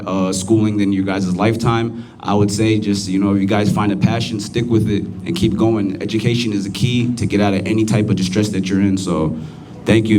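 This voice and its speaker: A young American man addresses a room of young people, speaking plainly and earnestly with the odd filler. His voice sits low and stays flat. A faint hiss lies under the recording. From United States. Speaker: addiction recovery advocate. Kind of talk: speaking to a youth audience.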